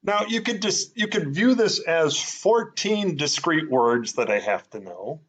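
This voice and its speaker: A man's voice: fairly high pitch, expressive, measured pace, fairly bright tone, slightly rough. A man teaching in a casual, thinking-aloud way, with many fillers as he sounds out words. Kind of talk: casual explanatory lesson.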